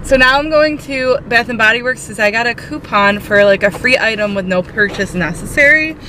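A woman's voice: on the high side, fairly quick. A woman in her twenties telling everyday stories casually and expressively to a camera inside a car, with lots of filler words. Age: 20s. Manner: chatty, expressive storytelling with 'like' as filler. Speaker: vlogger. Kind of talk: casual vlog chat. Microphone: dash-mounted camera. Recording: noisy car interior.

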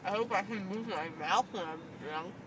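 A young adult woman with a medium-pitched voice and moderate pace chats casually in a car, loopy and giddy after dental surgery. Gauze fills her numb mouth, slurring her speech. A handheld phone held a little away captures it, so the recording sounds distant, with road noise.

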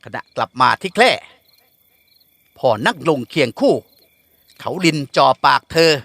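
A man reading a classic novel aloud with expressive storytelling. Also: a little high, a little slow, dry recording. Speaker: audiobook narrator. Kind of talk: scripted novel narration.

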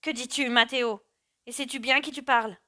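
A woman voicing an anxious, indignant wife and mother with a sharp, trembling tone. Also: on the high side, steady tone, brisk, pitched above the performer's own voice.

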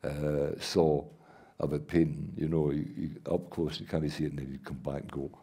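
An older Scottish man telling rambling stories full of halting restarts, as the guest in an onstage conversation before an audience. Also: extremely low pitch, little pitch movement, mellow, a little hiss or hum. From Scotland. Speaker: guest artist and playwright. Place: event hall before an audience.

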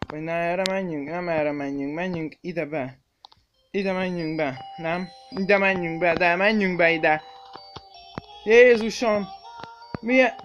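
A man hosting a horror game let's play, swearing, jumpy and shrieking whenever something startles him, and chatting to viewers he calls kids. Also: a little high. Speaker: gaming channel host.

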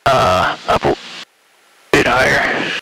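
A man's voice: mid-range voice, expressive, takes it slowly, vocal fry, sharp tone, husky. A man chatting casually as a passenger on a photo flight, heard through a headset in a small plane. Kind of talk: casual intercom chat. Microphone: aviation headset. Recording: noisy cockpit intercom with engine drone.

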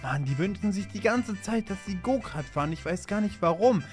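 A man doing excited, playful gameplay commentary for his viewers, teasing his friends. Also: high-pitched, brisk, faint music behind. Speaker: gaming YouTuber.

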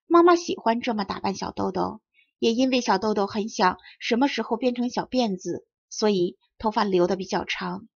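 A woman narrating a children's storybook audiobook in a clear, lively storytelling manner. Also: medium pitch, moderate pace, no room sound. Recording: dry, dull lo-fi audio.

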